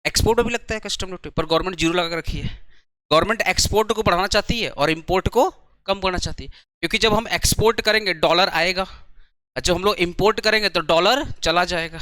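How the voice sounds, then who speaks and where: Man, commerce tutor, slow chatty classroom lecture, repeats his questions, dry close sound. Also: high voice, sharp tone, no room sound. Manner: speaking slowly. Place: coaching centre classroom.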